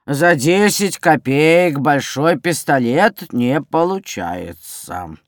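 A man's voice: a little high, expressive, slow, dry recording, clean studio sound. An actor playing a lazy mustached kiosk seller in a children's story, who drawls his words and teases in sing-song rhymes. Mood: teasing. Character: lazy mustached kiosk seller, middle-aged man, rhyming joker.

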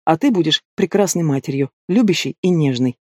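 A man voicing a male demon prince who speaks in an even, cool, teasing way, read as an audiobook character. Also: on the high side, a little fast, no echo, clean studio sound. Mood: soothing. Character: calm mocking demon prince, male adult.

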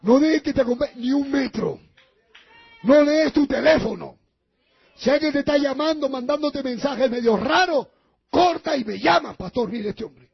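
A man's voice: extremely high pitch, lively intonation, normal speed, gravelly, highs cut off. A male pastor preaching a sermon, emphatic and repetitive, often calling to his listeners as brothers.

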